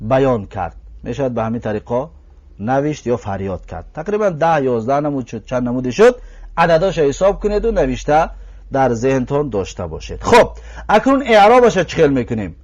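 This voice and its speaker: A man with a Tajik Persian accent teaching a grammar lesson, drawing out each example word slowly and asking his listeners rhetorical questions. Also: mid-range voice, very animated, darkish tone, muffled recording. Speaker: language teacher.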